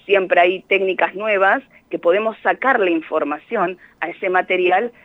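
A woman's voice: fairly low pitch, moderate pace. A woman, a guest expert explaining things on a radio show, hesitating now and then. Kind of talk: radio interview by phone. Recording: dry, tinny phone line.

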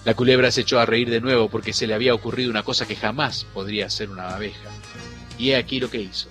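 A man narrating a children's fable in an expressive, dramatic storybook reading. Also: medium pitch, fast talker. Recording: faint music behind.

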